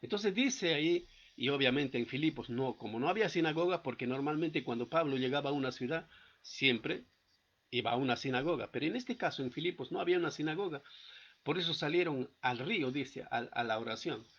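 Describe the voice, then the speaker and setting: A man's voice: fairly high pitch, lively intonation, a little fast, a bit bright, dull audio. A man preaching a sermon at a church service, often stopping to ask the congregation whether they follow him. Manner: asks the congregation frequent rhetorical check-in questions.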